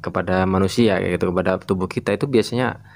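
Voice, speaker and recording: A man's voice: low-pitched, fairly even intonation, fast, vocal fry. A man co-hosting a casual interview, agreeably summing up the guest's points. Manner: agreeable, summarizing. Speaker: co-host.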